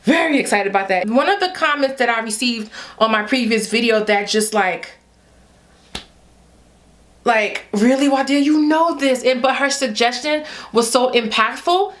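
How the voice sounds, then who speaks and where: A woman's voice: fairly high pitch, normal speed. A woman from Haiti in her thirties, chatting casually to camera about her hair routine. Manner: chatty, animated, talks straight to viewers. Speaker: hair vlogger.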